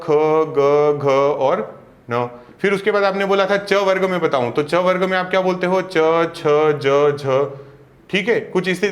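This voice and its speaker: A man teaching an exam-prep lesson, explaining step by step, asking questions and answering them himself, and sounding out letters slowly one by one. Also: sits high, echoey room.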